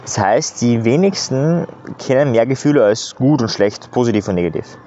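A man's voice: medium pitch, lively intonation, normal speed, warm tone, slight background noise. A man giving earnest, casual coaching advice in a motivational monologue, often adding "ja". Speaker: self-improvement coach. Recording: slightly dull recording.

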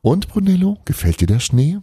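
A man's voice: a little high, big pitch swings, moderate pace, warm tone, husky, no room sound, studio quality, voice pushed up, full character voice. Man doing a cheeky bossy little girl. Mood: teasing.

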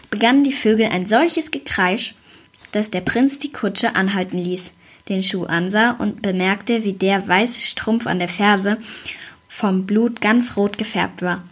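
A woman reading a fairy tale aloud in a calm, even storytelling voice. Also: medium pitch, slightly rough.

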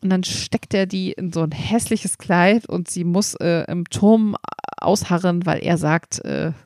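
A woman hosts a casual podcast, chatting along with lots of fillers and quick restarts. Her voice sits fairly low and sounds mellow and warm. The recording is dry and close, with no room sound. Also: dry recording. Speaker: podcast host recommending children's books.

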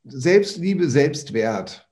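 A man's voice: fairly high pitch, big pitch swings, very slow, a little mellow. A man, a personal development trainer, talking animatedly in a casual podcast conversation, repeating words and swearing offhandedly.

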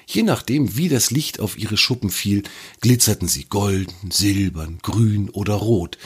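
A man narrating a children's story in an expressive, lively reading voice. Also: lowish voice, measured pace, slightly rough.

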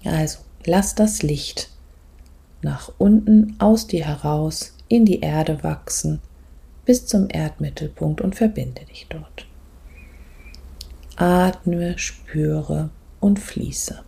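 Gently and with measured pauses, a low-voiced woman guides meditation as a spiritual coach, her husky tone becoming breathy where phrases trail off.

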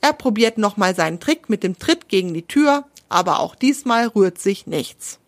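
A woman's voice: mid-range voice, lively intonation, normal speed, no echo. A woman narrating a children's animal story, stopping to explain words to young listeners.

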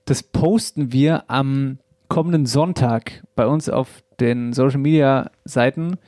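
A man hosting a casual dialect podcast, talking in a lively way and laughing often. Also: mid-range voice, no echo, clean studio sound. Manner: lively, laughing, quick back-and-forth. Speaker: podcast host. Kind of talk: casual chat.

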